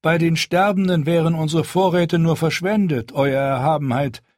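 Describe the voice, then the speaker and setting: A man voicing a blunt, grim sellsword captain in an audiobook, high and curt. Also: fairly even intonation, moderate pace, darkish tone, no room sound, studio quality, lightly acted.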